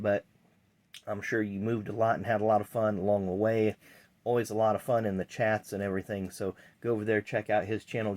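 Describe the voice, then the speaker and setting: Man, low voice, chatty rambling vlog host showing off collectibles. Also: darkish tone. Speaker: channel host. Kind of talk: casual card-collecting vlog.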